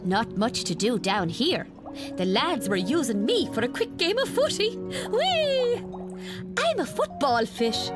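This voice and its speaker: A cheeky, sporty lady fish, talks with a British accent in a slightly high, swooping voice. She is playful and colloquial, takes her time, and is made for a kids' cartoon. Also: very animated, unhurried, over music. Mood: cheerful. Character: cheeky, sporty female deep-sea football fish. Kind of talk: educational cartoon monologue.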